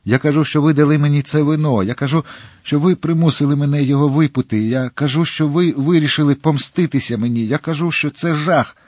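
A man's voice: a little high, fairly quick, darkish tone, dry recording, clean studio sound, voice pushed up, natural voice. A man reading a dying, accusing soldier. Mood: anguished. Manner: anguished, accusing. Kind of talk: audiobook character reading.

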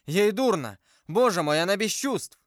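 A narrator putting on an impulsive young musketeer in a storybook, loud and urgent, with raised, shouting outbursts. His voice is smooth and clear, recorded dry and close. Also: on the high side, animated, slow, dry recording, voice pushed up. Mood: frantic.

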